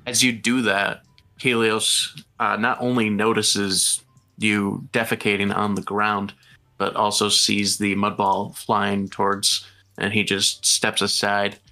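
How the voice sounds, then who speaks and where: Man narrating as game master, bright flat voice. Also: on the low side. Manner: quick, casual narration with fillers.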